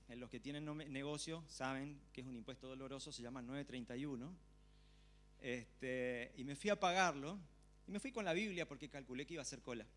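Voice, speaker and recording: A man with an Argentine accent preaching a church sermon, telling a personal story with lively, acted-out reactions. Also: medium pitch, a little hiss or hum. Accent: Argentine Spanish. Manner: animated storytelling, acting out his own past reactions.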